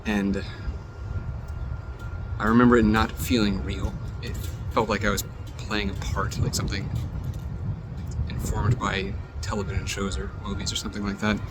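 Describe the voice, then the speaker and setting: A man recording a heartfelt message on his phone, halting and reflective, searching for his words. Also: on the low side, flat delivery, music in the background. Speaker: friend leaving a recorded message. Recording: phone recording outdoors with traffic noise.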